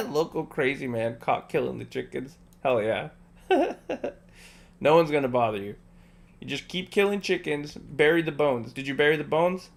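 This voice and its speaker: His voice sits on the high side, swinging widely in pitch with some vocal fry, and he speaks a little slowly. He is streaming a game and guiding a friend step by step, patiently repeating instructions and laughing at his own jokes between them.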